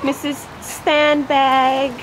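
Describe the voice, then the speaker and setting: A woman's voice: sits high, completely flat delivery, very slow, a little hiss or hum. A young woman, chatting casually and teasing while vlogging from a car. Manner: chatty, laughs often, teasing. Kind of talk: casual vlog chat. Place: inside a car, later a bedroom.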